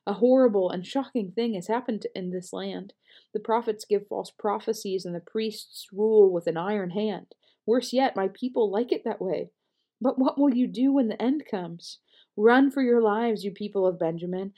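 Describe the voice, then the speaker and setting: Woman reading scripture out loud, mellow warm tone, steady and earnest. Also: mid-range voice. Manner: measured, earnest reading with small slips. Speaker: scripture reader.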